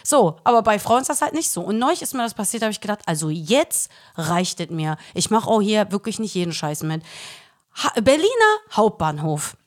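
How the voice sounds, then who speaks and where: A woman co-hosting a podcast, telling a story in casual chat with emphatic, animated delivery and some swearing. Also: mid-range voice, moderate pace. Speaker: podcast co-host.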